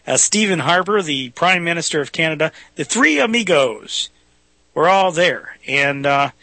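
A man's voice: a little high, expressive, normal speed, bright, forceful tone, dry recording. A man hosting a talk show in a casual, folksy, discursive way.

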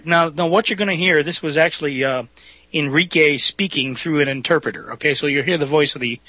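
A man's voice: a little high, fairly quick, sharp tone, dry recording. A man hosting a talk show in a casual, folksy, discursive way.

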